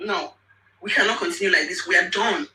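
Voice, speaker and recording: A Lagos woman with a Nigerian accent and a lowish, sharp voice delivers a brisk, impassioned political rant in an online audio room. She speaks emphatically and indignantly, repeating words for force. The mic sounds distant and roomy, with faint background noise.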